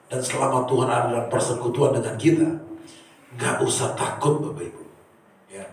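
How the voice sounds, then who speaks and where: A man preaching a sermon to a congregation, swinging from soft asides to shouted high peaks. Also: a little fast, a little hiss or hum. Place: church hall. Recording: echoey church from far off.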